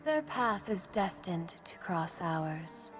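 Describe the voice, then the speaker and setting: A woman voicing a serene lamb spirit of death in a video game, soft and breathy, calm and poetic in delivery. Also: on the low side, slow. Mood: solemn. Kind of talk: video game character voice acting. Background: music.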